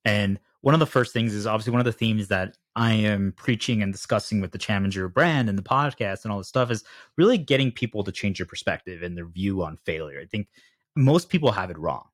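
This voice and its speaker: A man hosting a casual podcast interview, talking at length in a rambling, animated way. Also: on the low side, brisk, no echo, clean studio sound. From United States. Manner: talkative, rambling, animated storytelling. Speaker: podcast host.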